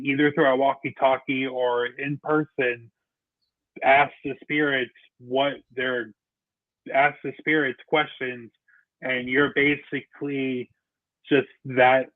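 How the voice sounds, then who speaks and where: Through a dry, tinny phone-line recording, a man with a mid-range voice hosts a casual podcast chat. His explanations wander, and he keeps starting over.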